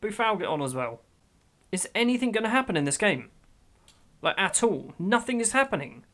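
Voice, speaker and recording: A man giving let's-play commentary over a football management game, excitable, swinging from grumbling to loud outbursts. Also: sits high, normal speed. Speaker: gaming YouTuber.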